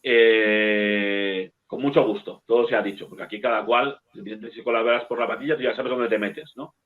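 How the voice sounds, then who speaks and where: A man's voice: lowish voice, brisk. Middle-aged guy from telling stories, cussing, sounds like a phone line. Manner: lively storyteller, swears casually. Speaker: bookseller and guest. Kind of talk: casual anecdote telling.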